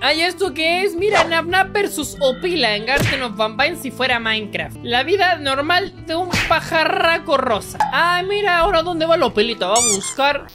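A woman doing excited reaction commentary, full of gasps and exclamations. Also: high-pitched, moderate pace, hardly any pauses. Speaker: reaction video host. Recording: background music under the voice.

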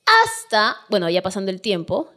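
A woman's voice: mid-range voice, huge pitch swings, normal speed, pushed and bright. Candid Peruvian woman telling her story. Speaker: podcast guest. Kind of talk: casual podcast interview.

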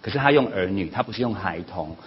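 A man giving a sermon-style parenting lesson at church, animated, often acting out family quarrels in a raised voice. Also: deep voice, fast, husky. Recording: slightly dull lo-fi recording with faint noise.

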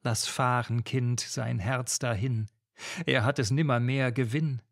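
A man's voice: medium pitch, steady tone, a little slow, gravelly. A man voicing a pious old mother who pleads and prays with her daughter in a classic ballad reading. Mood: urging. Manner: imploring, praying.

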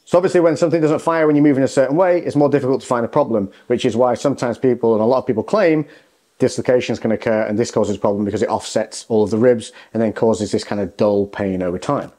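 A man's voice: mid-range voice, fast talker, warm tone. A man in his thirties explaining his own symptoms in casual chat, as presenter and patient. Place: large hard-floored gym, indoors. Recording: reverberant hall-like room.

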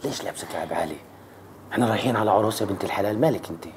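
A man's voice: lowish voice, very fast, background noise, natural voice. A man playing a bossy, jealous husband who scolds his wife nonstop in a comedy sketch. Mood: scolding. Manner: nagging, scolding, quarrelsome.

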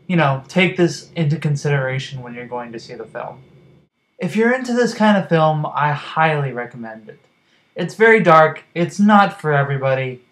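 A man's voice: on the high side, rough recording. A man giving a casual, enthusiastic movie review, addressing viewers directly. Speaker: film reviewer.

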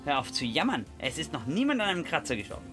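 A man voicing a small but fierce old grandmother who scolds gruffly and talks with stern earnestness. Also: fairly high pitch, wildly swooping pitch, fast, music in the background. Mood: scolding.

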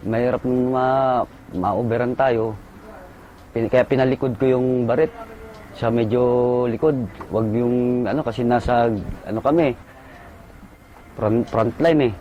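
A man, a soldier, recalling a firefight in short halting bursts and military jargon. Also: medium pitch, fairly even intonation, muffled recording, a little hiss or hum. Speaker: soldier recounting combat. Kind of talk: casual spoken recollection.

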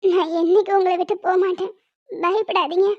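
A woman's voice: very high-pitched, steady tone, a little fast, dry recording. A woman voicing a scheming, playful young cartoon wife who coaxes and teases her husband in a cutesy way. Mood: coaxing, soothing. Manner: sly and coaxing, cutesy. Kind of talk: cartoon voice dubbing. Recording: dull dry lo-fi sound.

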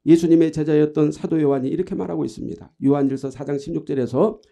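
A man's voice: on the high side, fairly even intonation, fast talker, gravelly, warm tone. A man preaching a sermon as pastor, asking the congregation questions and answering them himself.

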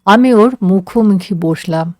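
A woman narrating a story in a slow, measured, soft voice. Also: medium pitch, dry recording, studio quality. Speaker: story reader.

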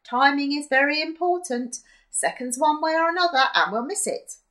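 A woman voicing a bossy, bubbly little old fairy woman who talks in a brisk, chirpy way. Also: on the high side, lively intonation, lightly acted.

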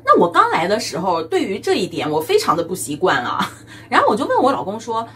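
A woman's voice: mid-range voice, huge pitch swings, a little fast. A woman from China, doing a chatty, teasing comedic monologue as a vlogger and laughing often. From mainland China.

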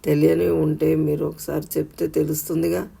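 A man voicing a bold young student confronting his parents in an audio story, read in a flat, gravelly storyteller voice. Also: a little high, fairly quick, exaggerated voice. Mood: challenging.

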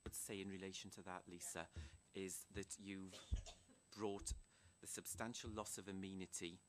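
A man advising a council meeting in a quick, advisory way, heard in a council chamber. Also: sits low, flat delivery, background noise.

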